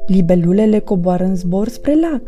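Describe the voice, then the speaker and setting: Mellow woman narrating a storybook. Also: mid-range voice, faint music behind. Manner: gentle, expressive read-aloud.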